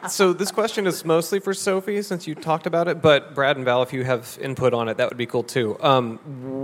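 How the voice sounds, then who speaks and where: A man's voice: mid-range voice, fairly bright tone. A man in the audience asking the panel a question, friendly and a bit hesitant. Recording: long hall reverb, faint room noise.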